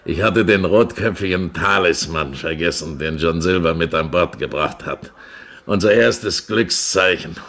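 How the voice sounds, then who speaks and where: An actor playing a coarse, hot-tempered pirate captain in a German radio play, blunt and scoffing. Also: male voice, low-pitched, a little slow, fairly bright tone, exaggerated voice. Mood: gruff, mocking.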